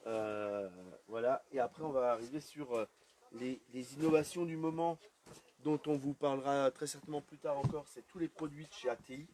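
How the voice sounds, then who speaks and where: Brief: male shop-tour host, relaxed and chatty, mid-range voice, indoor shop ambience. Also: mid-range voice, slight background noise. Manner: casual, chatty, many fillers. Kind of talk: live shop walkthrough.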